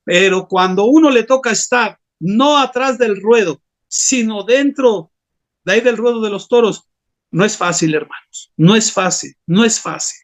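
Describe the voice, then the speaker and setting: A pastor delivers an impassioned sermon, repeatedly calling his congregation "brothers." His voice sits high and he speaks without hurry.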